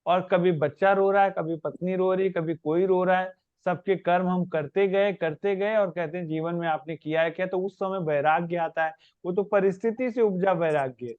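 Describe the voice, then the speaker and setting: A man with a high voice leads a spiritual question-and-answer class. He explains patiently and reaches for everyday examples. The recording is dry and dull, with no room sound. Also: steady tone, normal speed, few pauses, clear, resonant tone, no echo. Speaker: spiritual teacher.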